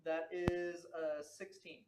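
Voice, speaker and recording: A man's voice: fairly high pitch, little pitch movement, slow. A man playing a rogue in a tabletop game, chatty and laughing often, with lots of fillers. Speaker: player. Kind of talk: casual tabletop play. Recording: roomy with clear background noise.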